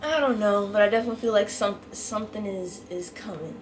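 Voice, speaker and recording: A woman's voice: mid-range voice, a little fast, a little hiss or hum, low-quality recording. A woman speaking informally as a co-host in a casual conversation. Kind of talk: casual chat. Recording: music playing behind. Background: music.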